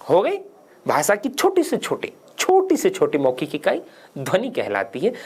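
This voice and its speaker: A man teaching grammar in a studio for an exam-prep lesson, emphatic and asking and answering his own questions. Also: fairly high pitch.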